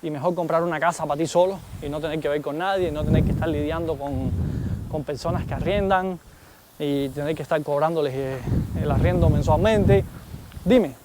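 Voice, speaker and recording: A man with a Cuban accent chatting casually to his viewers in an animated vlog. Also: a little high, brisk, heavy background noise. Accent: Cuban Spanish. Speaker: vlogger. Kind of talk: casual chat to camera.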